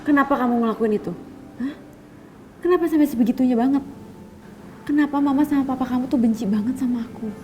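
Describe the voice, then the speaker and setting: A woman's voice: high voice, fast, long pauses, a little mellow, faint music behind, lightly acted. An actress playing a young woman who insistently demands the truth from her boyfriend in a TV drama. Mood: pressing. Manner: insistent, pressing questions. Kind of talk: TV soap drama acting.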